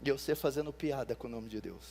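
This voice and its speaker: A man preaching a sermon as pastor, teaching with emphasis and repetition and rising to shouts at times. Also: medium pitch, quick pace, vocal fry, slight background noise. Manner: emphatic teaching, rises to shouts, repeats for stress.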